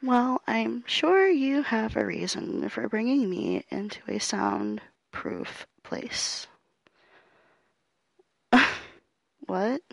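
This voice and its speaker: Casting: young woman voicing a sharp-tongued female student for an audio drama; high, gravelly, unhurried, cursing and then pleading. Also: no room sound, full character voice. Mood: defiant, suspicious. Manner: profane, alternating defiance and pleading. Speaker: voice actor. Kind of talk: audio roleplay acting.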